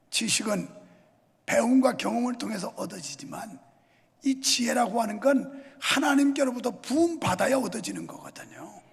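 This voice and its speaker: An older male pastor preaches with a high, gravelly, husky voice that mixes jokes with fervent calls to the congregation. His words ring out through a large church sanctuary with a long reverb trailing behind them. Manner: joking, then fervent exhorting. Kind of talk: sermon.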